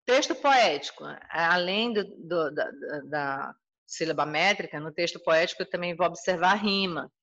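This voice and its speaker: A woman's voice: on the low side, moderate pace, fairly bright tone, highs cut off. A woman with a Brazilian Portuguese accent teaching a recorded school lesson, explaining patiently and restating each point. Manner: explanatory, repeats and rephrases points.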